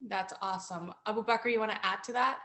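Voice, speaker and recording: A woman's voice: mid-range voice, fast, bright, forceful tone. A woman hosting a roundtable talk show, upbeat and chatty, slipping in Urdu phrases. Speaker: host.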